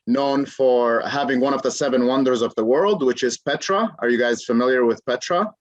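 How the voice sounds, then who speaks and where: A man's voice: medium pitch, normal speed, no echo, highs cut off. Earnest man in his thirties, from Jordan. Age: 30s. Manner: earnest, storytelling with many fillers. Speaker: guest, career coach. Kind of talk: interview conversation.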